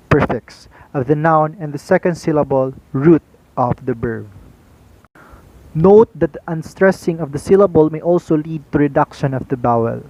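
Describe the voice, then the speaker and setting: A young man, a student reporter, reading a class lecture aloud in a careful, deliberate way. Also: on the high side, darkish tone, rough recording.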